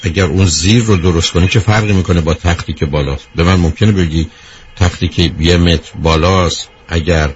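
On a radio advice call-in show, the male host addresses his caller bluntly, lecturing her and calling her "dear." His voice sits low and stays steady, and the dull broadcast audio carries a little hiss or hum.

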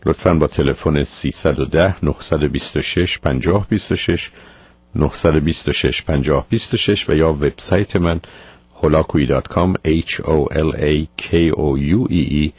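Very low, husky male radio host, calm advice-giver, dull lo-fi sound. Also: dry recording. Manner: calm, measured advice to callers. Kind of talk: call-in advice show. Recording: muffled lo-fi radio broadcast.

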